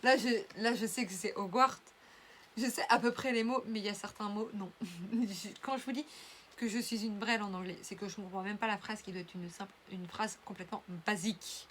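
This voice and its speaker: A woman's voice: medium pitch, fairly even intonation, a little fast, a bit bright, slight background noise. A young woman chatting casually through an unboxing video, rambling with lots of fillers and restarts. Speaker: unboxing vlogger.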